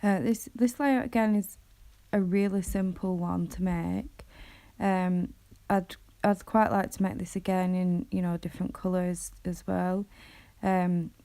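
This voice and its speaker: A young woman with a British accent and a croaky, low-pitched voice talks through her craft project in a casual voice-over. She hesitates often with ums, keeping a mellow, fairly flat delivery. The sound is close and dry. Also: unhurried, dry recording. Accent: British English. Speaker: craft vlogger.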